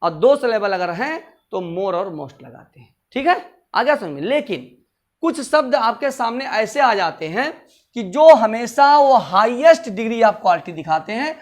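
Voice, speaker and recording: A male teacher giving a classroom grammar lesson, repeating word forms slowly and drilling each point again and again. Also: extremely high pitch, sing-song.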